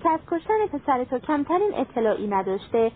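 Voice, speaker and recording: A woman's voice: high-pitched, very animated, a little hiss or hum. A woman voicing a frightened male merchant who pleads desperately for his life, over a tinny phone-like line. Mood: pleading.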